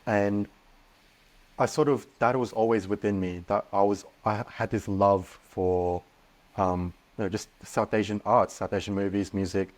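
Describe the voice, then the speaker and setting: A young man speaking as a podcast guest, earnest and animated, often restarting his sentences. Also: on the low side, normal speed. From Australia. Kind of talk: casual podcast interview.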